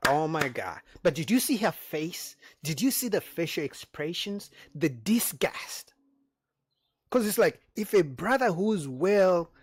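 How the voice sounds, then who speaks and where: A man hosting a reaction channel, giving animated, emphatic commentary on clips and talking straight to his viewers. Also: on the high side, no echo, clean studio sound.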